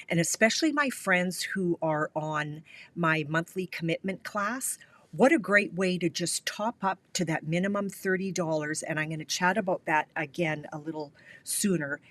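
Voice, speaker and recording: A middle-aged Canadian woman hosts a live craft tutorial, chatting casually and greeting viewers by name. Her voice sits low and a bit bright, though a cold leaves it stuffy and a little scratchy.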